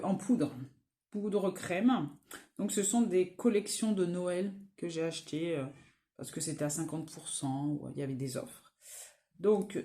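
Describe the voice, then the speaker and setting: At home, a woman vlogs about makeup, showing products and swatching them in a relaxed show-and-tell. Her voice is lowish and somewhat dark, and she hesitates often, restarting and using lots of fillers.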